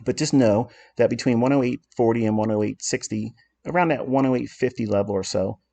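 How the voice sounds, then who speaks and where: Gravelly blunt man teaching chart reading. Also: mid-range voice, fairly quick, mellow. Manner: blunt, self-assured, instructive. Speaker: trading educator. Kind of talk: chart walkthrough lesson.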